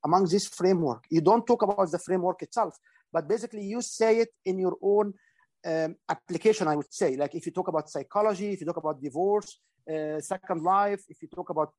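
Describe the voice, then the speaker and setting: In interview answers, a middle-aged guest explains public speaking in an earnest, teaching manner, often using fillers and starting over. His voice sits high with a darkish tone, and there's no echo.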